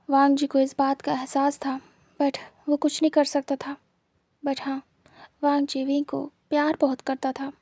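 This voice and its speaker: A woman's voice: high-pitched, dark tone, dry recording. A woman with a Hindi accent narrating a fan fiction story, repeating herself for emphasis. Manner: repetitive, emphatic.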